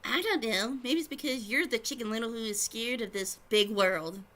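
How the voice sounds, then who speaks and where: Smirking, teasing young heroine, bright voice, voiced by the reader herself. Near her own voice. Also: a little high, moderate pace, pitched above the performer's own voice. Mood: accusing. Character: teasing young woman adventurer.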